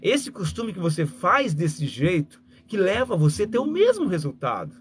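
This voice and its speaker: Man, motivational talk, fairly high voice, very animated pitch. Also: normal speed, a little hiss or hum. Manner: animated, acts out little dialogues, speaks straight to listeners. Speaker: communication mentor and speaker.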